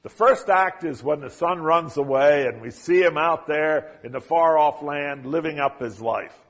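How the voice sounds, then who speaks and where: A man preaching a sermon, retelling a story with dramatic emphasis and swings between loud and quiet delivery. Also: fairly high pitch, unhurried. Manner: dramatic retelling, acting out quoted lines.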